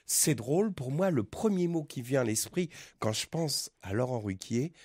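A man's voice: mid-range voice, animated, moderate pace, darkish tone, breathy edge, dry recording, studio quality. A man on a radio panel telling a funny personal story in casual banter.

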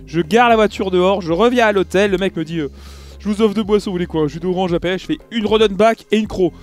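A man from France telling a casual vlog story, animated and full of fillers, acting out the people he talks to. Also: sits high, fast, soft background music. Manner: animated, acts out dialogue, many fillers. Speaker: YouTuber recounting an event.

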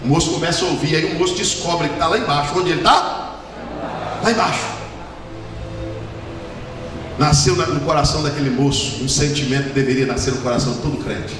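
A Brazilian man preaching a sermon with fervor, swinging from low murmurs to shouted peaks. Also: fairly quick, long pauses. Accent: Brazilian Portuguese. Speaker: pastor. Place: large church hall. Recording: echoey hall, distant mic, background noise.

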